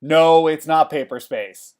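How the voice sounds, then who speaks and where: Male instructor, a touch high-voiced, casual and talkative, walking a class through software. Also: takes it slowly, clear, resonant tone. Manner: chatty, checks in with "okay?" often. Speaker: college theater design instructor.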